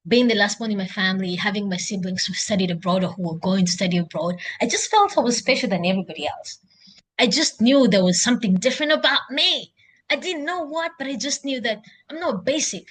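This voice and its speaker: Sitting indoors at home by a couch, a young woman with a Kenyan accent chats casually to her laptop, thinking aloud in an unscripted video diary meant to encourage herself. Her voice is medium in pitch, and the audio quality is poor.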